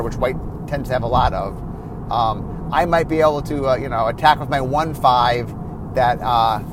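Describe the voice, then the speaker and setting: Man, card game designer, tired, explanatory solo monologue, mid pitch, faint vehicle noise behind. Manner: explanatory, self-correcting, many fillers. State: tired, yawning.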